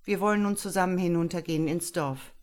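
A woman reading the part of a stern, self-satisfied male police inspector who speaks loud and curt. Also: on the low side, fast talker, natural voice.

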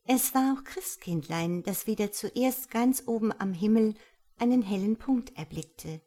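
A woman reading a Christmas fairy tale aloud in an expressive, lilting manner. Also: medium pitch, unhurried. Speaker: storyteller. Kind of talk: storybook reading.

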